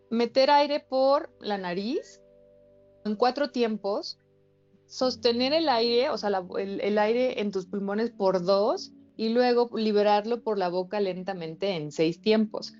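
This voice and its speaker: A woman, explaining things in a relaxed, slangy way on a casual podcast. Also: medium pitch, measured pace. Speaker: podcast co-host. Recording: slightly dull lo-fi, faint music bed.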